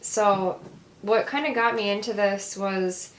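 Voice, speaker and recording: A woman's voice: medium pitch, steady tone, slow, reverberant, slight background noise, rough recording. A woman chatting casually to camera as a vlogger, giggly and full of fillers, recorded at home on a camera mic. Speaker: makeup vlogger doing a tarot reading.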